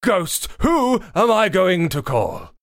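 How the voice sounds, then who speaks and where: A man's voice: sits high, big pitch swings, takes it slowly, creaky, no room sound, clean studio sound, exaggerated voice. A man playing a grumpy, antisocial old miser in a comedy sketch, grumbling and indignant.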